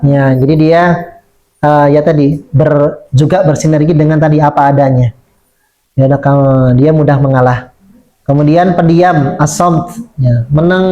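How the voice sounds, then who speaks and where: Male Islamic teacher, mellow and a bit high, lively lecturing, dull lo-fi sound. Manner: lively, acts out children's quoted speech. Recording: muffled lo-fi recording.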